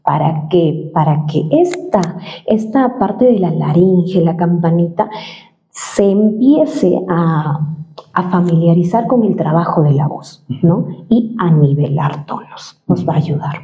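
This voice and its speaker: A voice-over and dubbing professional gives voice-training advice during an interview, walking through exercises and frequently ending points with a question tag. She speaks slowly with a fairly low, warm voice and lively intonation, in a roomy, slightly dull recording.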